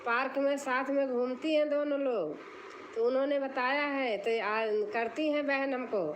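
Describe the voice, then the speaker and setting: A woman's voice: sits high, steady tone, moderate pace, slight background noise, poor audio. A woman hosting a casual live stream, greeting viewers by name and reading their comments aloud. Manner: chatty, warm toward viewers, reads comments aloud.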